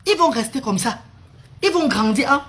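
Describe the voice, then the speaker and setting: A woman's voice: high-pitched, lively intonation, moderate pace, a bit bright. Chatty woman live-streaming. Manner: repeats words, calls viewers pet names. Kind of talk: casual live-stream talk to viewers.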